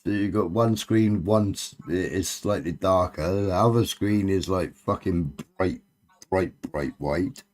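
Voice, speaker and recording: Low-voiced, sweary Cornish man. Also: measured pace, darkish tone. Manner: sweary, bantering. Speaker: live stream host. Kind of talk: casual late-night livestream chat.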